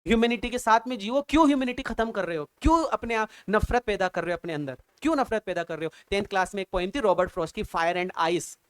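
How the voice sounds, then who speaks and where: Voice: mid-range voice, fast talker, hardly any pauses, clear, resonant tone, no echo. Enthusiastic teacher translating every line. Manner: repeats and translates every phrase, rhetorical questions, enthusiastic exclamations. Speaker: English teacher. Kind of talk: bilingual line-by-line poem explanation.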